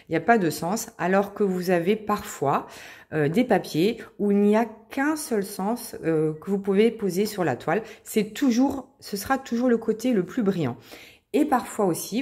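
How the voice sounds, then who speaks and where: A woman's voice: medium pitch, darkish tone. A middle-aged woman hosts a craft tutorial in an easygoing voice. She explains as she goes, with frequent hesitations and restarts. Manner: chatty, many hesitations and restarts. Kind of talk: casual how-to explanation.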